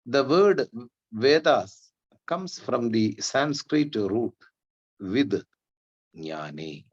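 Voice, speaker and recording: A man, giving an online Vedanta lesson in a measured explanatory way, with chanted Sanskrit prayers. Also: medium pitch, expressive, dull audio. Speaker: Vedanta teacher. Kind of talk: online class lecture.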